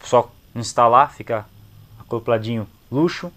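A young adult man with a Brazilian accent, his medium-pitched voice a bit bright and a little slow, reviews a product in a casual, slangy way using short clipped phrases. He's inside a motorcycle gear shop, and its background noise is clearly heard.

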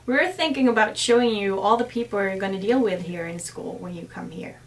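A woman's voice: mid-range voice, brisk, distant mic, rough recording. A young adult woman from Sweden presenting a playful gossip segment.

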